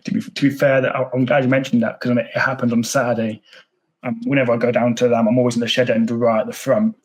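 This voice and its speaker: A man's voice: medium pitch, little pitch movement, fast, rough recording. A man hosting a football podcast, chatting enthusiastically as a fan and often repeating words as he goes. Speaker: podcast host. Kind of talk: casual interview.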